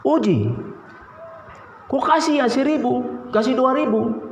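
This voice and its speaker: A male pastor with a Papuan Indonesian accent preaching a sermon, swinging from low pleading to sharp high outbursts, recorded in a church hall. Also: lively intonation, a little slow, a little hiss or hum. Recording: roomy, dull, reverberant church recording.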